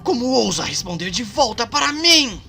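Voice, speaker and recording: A Brazilian man voicing a cruel, domineering mother who is a boss monster, loud and scornful. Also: extremely high pitch, big pitch swings, moderate pace, creaky, soft background music, voice pushed up, exaggerated voice.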